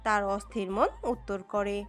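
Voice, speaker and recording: A woman reading a romantic story aloud in an expressive, dramatic narration. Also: medium pitch, unhurried. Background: soft background music.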